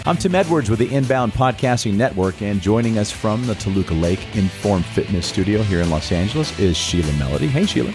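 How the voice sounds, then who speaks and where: A man's voice: fairly low pitch, lively intonation, fairly quick, hardly any pauses, music in the background. A man hosting a casual fitness podcast, upbeat, introducing guests and laughing often. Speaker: podcast host.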